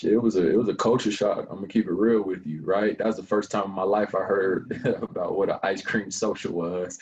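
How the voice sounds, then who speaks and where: A young man from Colorado Springs, a nonprofit founder, talking at length in a relaxed interview, with plenty of fillers along the way. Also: sits low, fairly quick, rough recording. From Colorado Springs, USA. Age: young adult. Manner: long-winded, relaxed storyteller with frequent fillers. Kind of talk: casual interview chat.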